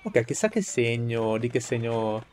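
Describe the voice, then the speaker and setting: A man's voice: medium pitch, animated, a little slow, darkish tone, slight background noise. A man playing a video game, casually commenting and reading the text aloud.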